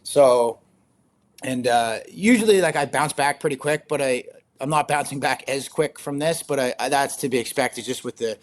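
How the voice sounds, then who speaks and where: A young man with a slightly raspy voice, talking casually as an interview guest, rambling with lots of fillers and frequent laughs. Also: medium pitch, normal speed. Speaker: guest, ultrarunner.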